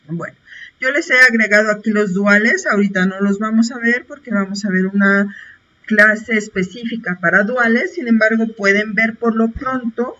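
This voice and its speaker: A woman teaching an online grammar lesson, patiently reciting word forms in a steady rhythm. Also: medium pitch. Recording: dull lo-fi recording with faint hiss.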